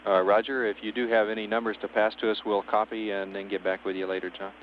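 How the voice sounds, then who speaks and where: A man's voice: on the low side, level tone, fast talker. A man working as a spacecraft communicator, speaking in clipped, procedural phrases over a radio link. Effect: radio transmission. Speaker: mission control spacecraft communicator. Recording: dull narrowband radio, faint hiss and hum.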